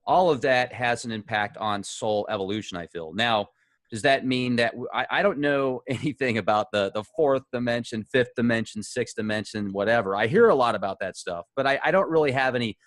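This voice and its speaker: A man's voice: medium pitch, dry recording. A man hosting an interview, talking in a loose, chatty way. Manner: chatty, loose, laughs now and then. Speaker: interview host. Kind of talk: casual interview chat.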